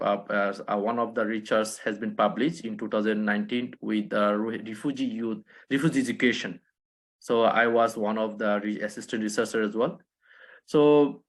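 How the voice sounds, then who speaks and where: A Rohingya man from a Bangladesh refugee camp, speaking as a panelist in a halting way with many restarts. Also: mid-range voice. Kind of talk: online panel talk.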